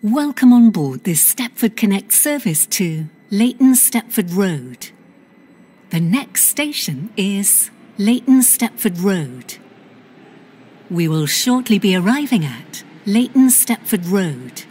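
A woman playing an automated onboard train announcer, reading scripted announcements in a measured, formal manner. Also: medium pitch, big pitch swings, dark tone, husky, heavily acted. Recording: background train noise.

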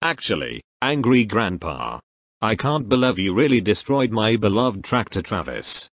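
A man's voice: lowish voice, big pitch swings, unhurried, no room sound, studio quality, heavily acted. A man voicing an indignant middle-aged farmer in a cartoon, complaining about his ruined tractor.

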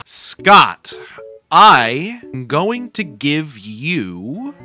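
A man in his thirties with a Long Island accent, bantering casually through a game in an excitable, dramatic, sweary way, close to the microphone. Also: fairly high pitch, drawn-out words, soft background music. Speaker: gaming challenge player. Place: small indoor room with a drum kit. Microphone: close boom-arm microphone.

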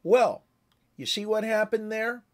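In a high, somewhat dark-toned voice, a man in his sixties talks a little slowly. As presenter of an amateur radio tutorial, he explains in a conversational, instructive way and demonstrates radio calls.

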